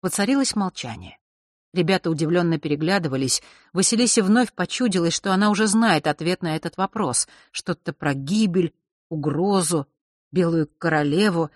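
A man narrating a young-adult fantasy audiobook in an even, measured way. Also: high-pitched, no room sound, studio quality. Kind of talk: scripted narration.

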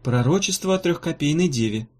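Man voicing a brisk valkyrie healer woman. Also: on the high side, animated, pitched above the performer's own voice. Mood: matter-of-fact. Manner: brisk, blunt, a little embarrassed. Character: fussy, practical female valkyrie healer.

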